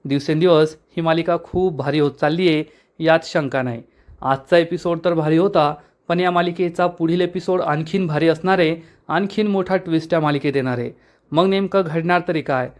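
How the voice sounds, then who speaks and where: A man with a slightly high voice tells a TV serial episode as an eager story. He narrates steadily and hypes up what comes next. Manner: storytelling, enthusiastic. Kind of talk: scripted episode recap.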